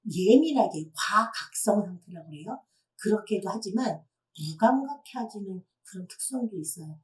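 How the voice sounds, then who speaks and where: Woman giving a lecture to teens, voice goes up and down a lot, asks the crowd stuff, kinda far from the mic. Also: medium pitch. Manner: explanatory, poses questions to the audience. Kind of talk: public lecture to teenagers. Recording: voice from a distant mic.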